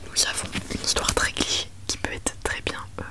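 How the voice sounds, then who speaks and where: A woman presents books in a hushed ASMR library whisper, chatty and rambling with self-mocking asides. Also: normal speed. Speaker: ASMR video creator.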